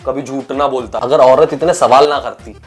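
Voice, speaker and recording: A man's voice: mid-range voice, fairly even intonation, moderate pace, soft background music. A young man in a scripted comedy sketch, playing a husband and firing off sarcastic one-liners.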